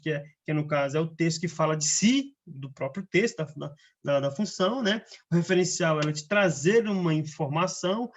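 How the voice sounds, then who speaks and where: On a muffled recording, a high-voiced man with a Brazilian Portuguese accent goes over answers in a casual remote lesson. He's a chatty teacher who constantly checks in with students using tags like "né?" and "beleza?".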